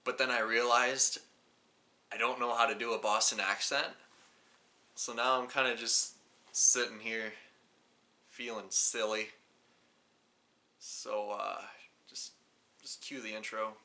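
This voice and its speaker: A man's voice: mid-range voice, level tone, slow, long pauses, pushed and bright. A man hosting a casual movie review, talking in a rambling, offhand way with self-mocking jokes. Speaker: film reviewer and show host.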